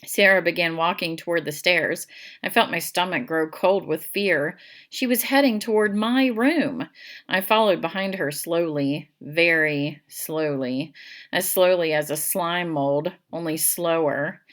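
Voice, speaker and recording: A woman reading a first-person children's audiobook in an expressive, playful storytelling manner. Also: fairly low pitch, a little slow. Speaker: audiobook narrator.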